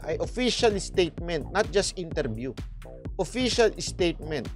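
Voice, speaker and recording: High-voiced male vlogger commenting on news. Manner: animated, talks to officials directly, laughs at his own jokes. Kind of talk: casual news commentary vlog.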